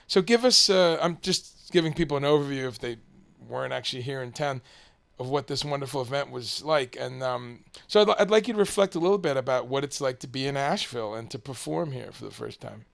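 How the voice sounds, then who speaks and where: A man's voice: medium pitch, fairly quick, creaky, hardly any pauses, fairly bright tone. A man interviewing someone casually on camera, rambling and hesitant as he sets up his questions.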